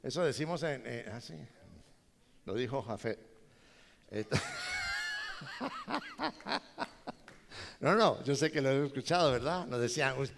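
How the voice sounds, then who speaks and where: A male pastor preaching a sermon, animated and joking with his congregation. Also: on the high side, slow, vocal fry, long pauses, noisy background. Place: large church hall. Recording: reverberant church hall.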